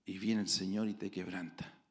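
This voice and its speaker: A man preaching a sermon as pastor, dramatic, with sudden loud exclamations and acted-out voices of his congregation. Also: low voice, flat delivery, moderate pace. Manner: acts out quoted voices of congregants.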